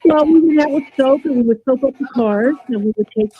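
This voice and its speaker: A woman's voice: sits high, brisk, husky. A woman from New Jersey chatting casually as a caller on a radio phone-in. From New Jersey, United States. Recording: dull lo-fi phone call.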